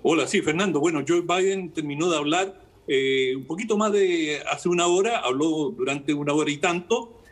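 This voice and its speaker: An older man giving measured live news analysis over a video link from home, with frequent pauses and fillers. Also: a little high. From Chile. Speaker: international analyst. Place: home room with lamp, remote link.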